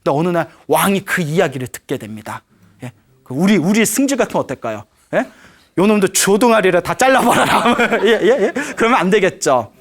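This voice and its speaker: A man's voice: on the high side, big pitch swings, brisk. A man, a Buddhist monk, preaching a sermon in a humorous, conversational way and often asking his listeners questions.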